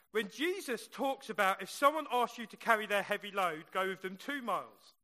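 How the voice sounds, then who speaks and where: A man's voice: high-pitched, pushed and bright. A man preaching a sermon in an emphatic, conversational way, repeating phrases, with R's that come out like W's. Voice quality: cannot say R's, which sound like W. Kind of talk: sermon with plain, chatty asides.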